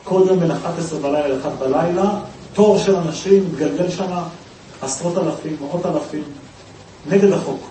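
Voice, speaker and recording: A man's voice: a little high, dark tone. A man giving a storytelling talk, acting out the voices of the people he quotes. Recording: echoey room, distant mic, faint noise.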